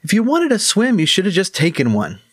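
A man voicing a fussy, distracted male gnome tinkerer in a storybook reading, talking high and excitedly. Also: fairly quick, no room sound, studio quality, heavily acted. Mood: excitable.

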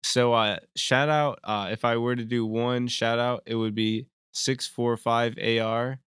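A man's voice: mid-range voice, steady tone, a little slow, a bit bright, clear, resonant tone, no room sound, clean studio sound. A man talking casually as a podcast guest, laid-back and full of fillers. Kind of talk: casual chat.

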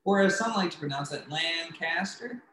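A man with a fairly high voice, co-hosting a podcast in a playful, rambling chat. His voice carries a roomy echo, with a faint hiss underneath. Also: moderate pace, a bit bright. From Philadelphia area. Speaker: podcast co-host. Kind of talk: casual chat.

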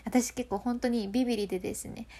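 A woman's voice: fairly high pitch, steady tone, fast, dark tone. A woman with a Hakata accent explains voice control in a casual, playful way, laughing often. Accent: Hakata dialect.

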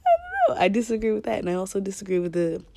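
A woman hosting a podcast in casual, rambling, candid talk, with a deep chesty voice that is a bit scratchy from a cold. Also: fairly even intonation, very fast, vocal fry, warm tone, no room sound. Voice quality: slightly scratchy. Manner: candid, informal, swearing freely. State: fighting a cold. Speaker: podcast host.

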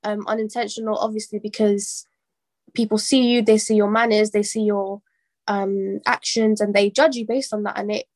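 Measured woman co-host, flat delivery, dry close mic. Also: mid-range voice, dry recording. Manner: measured, sums up others' points. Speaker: podcast co-host. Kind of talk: casual chat.

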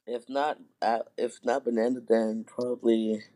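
Young male guest, mid-pitched, hesitant joker in casual conversation, low quality streamed call audio. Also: little pitch movement, a little slow, warm tone. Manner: hesitant, stammering, joking. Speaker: guest answering questions. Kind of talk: casual chat. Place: online voice call.

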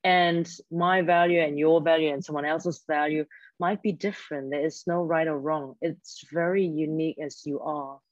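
Speaking in a low voice with fairly even intonation and a moderate pace, a German-native career coach gives advice in an interview. She is earnest and frequently restarts what she says, and the recording sounds dry, dull, and lo-fi.

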